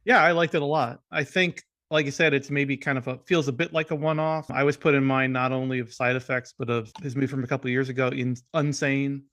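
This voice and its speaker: A man's voice: mid-range voice, fairly even intonation, quick pace, few pauses, a bit bright. A man co-hosting a film podcast, chatting casually about movies with frequent restarts. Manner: conversational, frequent restarts and hedges. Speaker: film critic podcast host.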